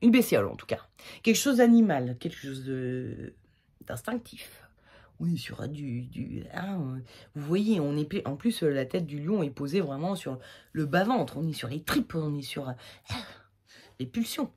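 Low, slightly husky woman, casual tarot reader, rambles with fillers and laughs at her own slips. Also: animated, measured pace, mellow. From France. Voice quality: slightly husky, irritated throat. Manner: chatty, rambling, many fillers and self-corrections. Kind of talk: casual weekly tarot reading.

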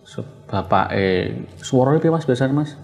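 A man hosting a casual radio chat, joking and firing quick questions. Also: mid-range voice, expressive, vocal fry, darkish tone. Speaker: radio host. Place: radio studio.

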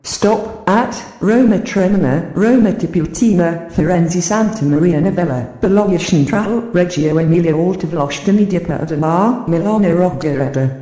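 Woman, train station announcement, mellow voice, calm, echoey. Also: on the low side, normal speed, few pauses. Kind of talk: formal scripted announcement.

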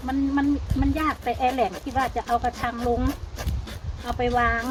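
An older Thai woman with a northeastern Isan accent talks in a slightly high voice. She chats to her viewers in a homespun, folksy way. Steady background noise runs under her voice. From Thailand. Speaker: vlogger. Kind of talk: casual chat to viewers.

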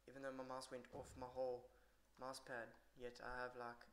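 A man's voice: medium pitch, completely flat delivery, moderate pace, fairly bright tone. A tired man giving rambling, irritable live commentary on his own match and swearing a lot. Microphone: poor computer mic.

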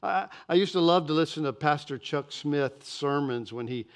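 A man in his sixties preaching a sermon from a church pulpit, animated and often repeating words as he starts a sentence. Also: a little high, moderate pace. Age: 60s. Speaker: pastor. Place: church stage behind a pulpit.

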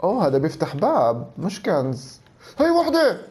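Male streamer, thirties, Levantine accent, high and very animated, exclaiming game commentary. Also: brisk. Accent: Levantine Arabic. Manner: animated, exclaiming, talking to himself. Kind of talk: excited let's play commentary, switching between Arabic and English.

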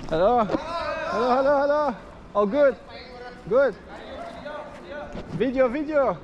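The speaker is a man in his thirties from Belgium, a travel vlogger giving casual narration as he strolls an outdoor stadium and its corridors, often laughing. His very high voice is expressive and slow-paced. The lo-fi audio, captured on an arm's-length action camera, has a noisy background.

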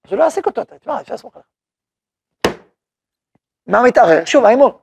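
Gravelly-voiced rabbi giving a lesson. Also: male voice, very high voice, big pitch swings, a little mellow, slight background noise. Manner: conversational, asks the audience questions. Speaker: rabbi teaching a class. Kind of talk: Torah lesson.

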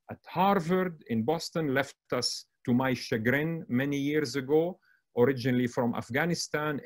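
A man from Lebanon moderating a medical webinar, introducing panelists and speakers in an admiring tone with frequent fillers and restarts. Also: medium pitch. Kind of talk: formal introductions at an online conference.

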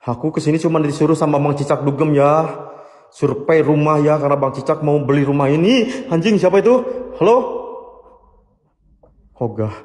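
A man's voice: mid-range voice, darkish tone. A man with livestreaming a ghost hunt in an abandoned house at night, jumpy, swearing and muttering prayers. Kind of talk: live ghost-hunting stream.

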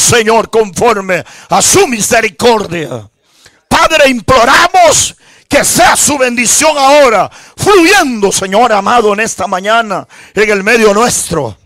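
A middle-aged man, a pastor, preaching and praying in an impassioned, shouting style into a handheld microphone in a small church hall. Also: extremely high pitch. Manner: impassioned, shouting, drawn-out phrases; standing, fist raised while preaching. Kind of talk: Pentecostal-style shouted sermon and prayer.

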